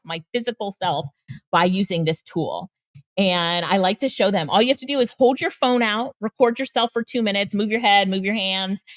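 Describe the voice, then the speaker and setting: A woman appears as a guest on an interview show, where she works as an AI trainer and consultant. She explains tools enthusiastically and laughs frequently in this casual conversation. Her voice is mid-range, with no room sound.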